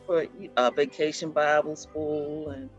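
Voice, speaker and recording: A woman's voice: low-pitched, level tone, a little slow, dull audio, faint music behind. Middle-aged woman telling stories, chatty. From Baltimore, USA. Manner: reminiscing, chatty, with frequent ums and laughs. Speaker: guest. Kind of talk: conversational storytelling over a video call. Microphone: video call.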